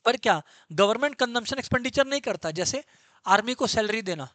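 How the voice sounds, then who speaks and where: A man's voice: extremely high pitch, expressive, fairly quick, a bit bright, no echo. A man teaching an exam-prep lecture, emphatic and drilling terms over and over. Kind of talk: online lecture.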